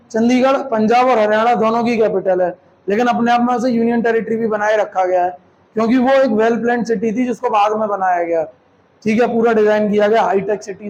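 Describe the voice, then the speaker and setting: A man's voice: high voice, fairly even intonation, a little fast, darkish tone, lo-fi sound. A man teaching a classroom lecture, explaining step by step and checking with students through rhetorical questions, mixing Hindi with English terms.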